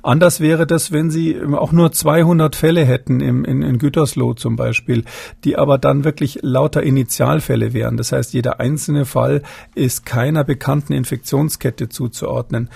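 A man's voice: mid-range voice, steady tone, moderate pace, creaky, darkish tone, breathy edge, no room sound. A man answering interview questions as an expert guest, hesitant, with many fillers and restarts.

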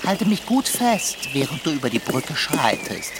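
An actor playing a grumpy, whiny talking tomcat with a lordly, fussy way of speaking in a children's radio play. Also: male voice, fairly high pitch, sing-song, normal speed, noisy background. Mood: grumbling. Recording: outdoor nature ambience behind.

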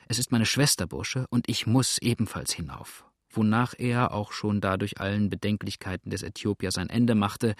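A man narrating a novel in a measured audiobook reading. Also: fairly low pitch, no room sound, clean studio sound.

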